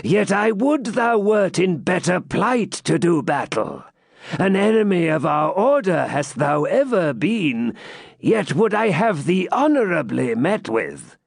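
A man reading aloud and voicing a grave Grand Master who speaks in a solemn, measured way. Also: sits high, sing-song, vocal fry, husky, dry recording, studio quality, voice pushed up, full character voice. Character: grave older male Grand Master of an order.

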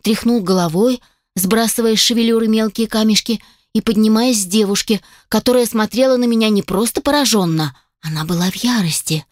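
A woman giving measured, scripted first-person narration of a fantasy audiobook. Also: fairly high pitch, no echo, clean studio sound.

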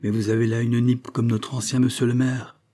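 A man's voice: mid-range voice, flat delivery, a little fast, mellow, close to an everyday voice. A man reading the part of an older, kind peasant mother who talks in plain, earnest country speech.

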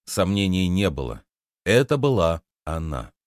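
A man narrating a fantasy audiobook in an even storytelling manner. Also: deep voice, unhurried, no room sound, studio quality.

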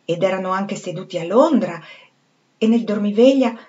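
Woman reading a novel aloud, measured. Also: mid-range voice, highs cut off. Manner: measured, expressive literary reading. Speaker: reader.

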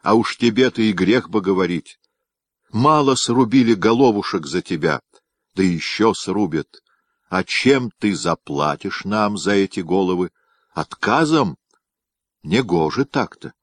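Man putting on a hoarse, scornful old-time boyar. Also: low-pitched, steady tone, a little slow, no echo. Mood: reproachful. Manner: scornful, blunt.

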